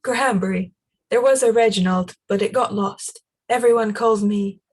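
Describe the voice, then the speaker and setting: Lady putting on a stuffy middle-aged clerk guy, pedantic about rules, kinda breathy. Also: medium pitch, moderate pace, darkish tone, natural voice, poor audio. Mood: flustered. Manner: pompous, stickler for rules. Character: fussy middle-aged male town clerk.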